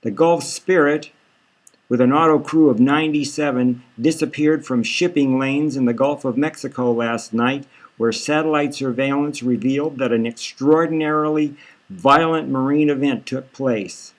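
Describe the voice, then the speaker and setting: A man's voice: mid-range voice, normal speed, natural voice. A man reading a novel aloud, voicing a television news reporter in a formal newsreader delivery. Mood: newsy.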